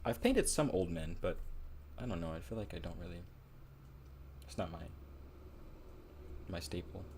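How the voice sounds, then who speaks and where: A man with a very low voice talks loosely to his live audience as he paints, thinking out loud and poking fun at himself. A faint hiss of background noise sits under his voice. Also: lively intonation, moderate pace. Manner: rambling, musing aloud, self-deprecating. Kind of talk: casual livestream chat while painting.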